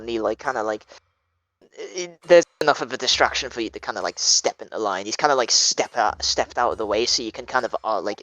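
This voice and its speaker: Low-voiced, hesitant male dungeon master. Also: a bit bright, dry recording. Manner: hesitant, many fillers. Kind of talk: narrating a tabletop game.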